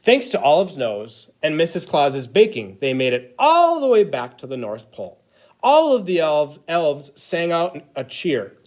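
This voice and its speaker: A man playing an eager, childlike Christmas elf who reads a picture book to children in an expressive, exaggerated way. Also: fairly high pitch, measured pace. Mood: eager storytelling. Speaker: storyteller reading to children. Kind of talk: animated picture-book read-aloud.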